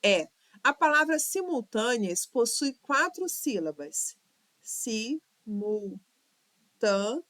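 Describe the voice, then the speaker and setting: In an online exam-prep class, a Brazilian Portuguese teacher goes through the questions with patience, sounding out words syllable by syllable, counting aloud and stretching them out. She speaks expressively at a measured pace, her voice high and a bit bright, with no echo.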